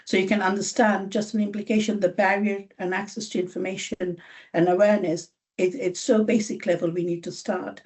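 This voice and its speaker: Over a video call at a meeting, a woman from Bangladesh on a charity's staff presents her organisation's work. Her mid-range, darkish voice is fairly quick with little pitch movement, and she uses many fillers and restarts.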